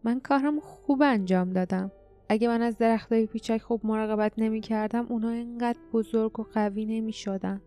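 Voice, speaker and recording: A woman voicing a grim, possessive armored male knight who mutters in a low, cold voice. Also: steady tone, warm tone, clean tone, soft background music, natural voice. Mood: brooding mutter.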